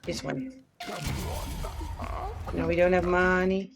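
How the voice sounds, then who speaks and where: A woman's voice: on the low side, level tone, takes it slowly, gravelly, music in the background. A woman streamer chatting casually and thinking aloud while she plays a game, with the odd swear word. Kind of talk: casual live gameplay commentary.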